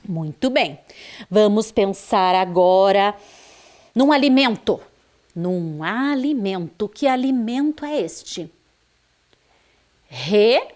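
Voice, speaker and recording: A woman with a Brazilian accent gives a video lesson to young schoolchildren. She speaks very slowly and stretches each word so the children can hear its sounds, with a voice of middling pitch. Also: lively intonation, darkish tone. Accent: Brazilian Portuguese. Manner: slow, drawn-out words, stressing sounds for children. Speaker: teacher.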